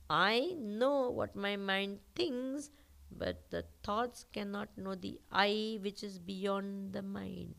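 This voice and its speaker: A woman's voice: medium pitch, gravelly, fairly bright tone. A woman with an Indian accent giving a spiritual discourse as a teacher, explaining step by step, repeating points and checking that listeners follow. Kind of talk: spiritual discourse with question and answer.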